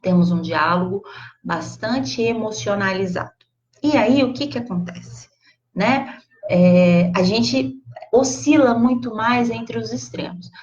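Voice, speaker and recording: A Brazilian woman with a Brazilian Portuguese accent giving a casual, expressive live class, chatting directly to her audience. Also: fairly high pitch, takes it slowly. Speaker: psychologist teaching a live class. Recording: slightly dull lo-fi livestream audio.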